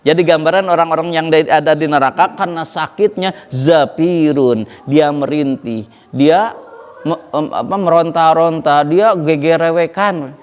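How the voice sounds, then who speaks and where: A man preaching an evening religious study sermon, lively and jokey, chanting Arabic verses slowly. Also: on the high side, smooth, in a large hall. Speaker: Islamic preacher.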